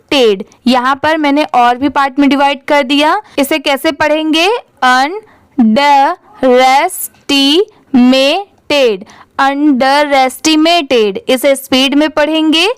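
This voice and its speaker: A woman's voice: high voice, no echo. A woman teaching English reading, spelling words out letter by letter and asking questions she answers herself. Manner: spells words letter by letter, then says them slowly; asks learners questions and answers them herself. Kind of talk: slow spelling-out reading lesson.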